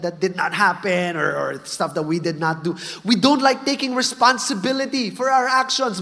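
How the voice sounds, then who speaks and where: A man's voice: high-pitched, fairly bright tone, in a large hall. A man preaching a sermon to a live crowd, joking and calling on the audience to answer him.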